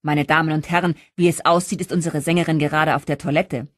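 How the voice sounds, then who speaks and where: A brash male karaoke host booms his showy announcements across the room, as a woman reading an audiobook puts him on. The voice sits a little low and comes across close and dry. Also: steady tone, fast, no room sound, natural voice.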